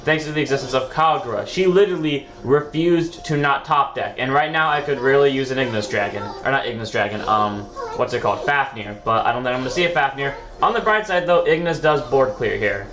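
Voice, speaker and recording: Here a man speaks at medium pitch, briskly and with few pauses, though a sore throat makes him sound sick. Hosting a gaming video, he rambles casually over his own card game match, correcting himself a lot and swearing occasionally, in an echoey room with faint music in the background.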